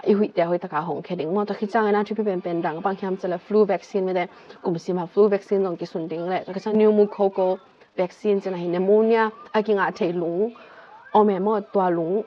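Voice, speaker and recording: A woman vlogger calmly explaining a health topic, stepping through medical terms one by one. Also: medium pitch, very slow, lo-fi sound.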